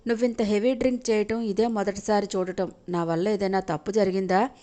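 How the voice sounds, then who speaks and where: A woman voicing a hurt young wife, tearful with family and sharp with her mother-in-law, in an audio story. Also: medium pitch, steady tone, a little fast, natural voice. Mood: tearful, scared. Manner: tearful, sharp when crossed.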